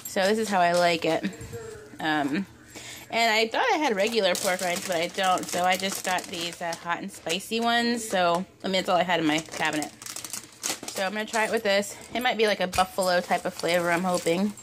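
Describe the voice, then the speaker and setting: A woman chatting casually in her home kitchen, rambling with lots of fillers and quick self-corrections as she cooks. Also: fairly low pitch, background noise. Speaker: home cook vlogger. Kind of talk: casual home cooking vlog.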